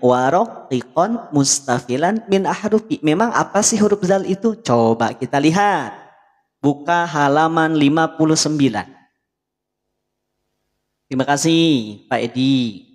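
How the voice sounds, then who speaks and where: Slow, patient male Quran teacher. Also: on the high side, big-room sound. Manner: patient, checks understanding often; demonstrates sounds by chanting them. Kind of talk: live online lesson.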